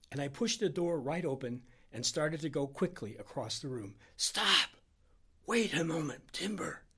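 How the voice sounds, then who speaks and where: A man reading a short story aloud as a scripted narration, in a dramatic, expressive way. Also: a little high, husky. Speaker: reader.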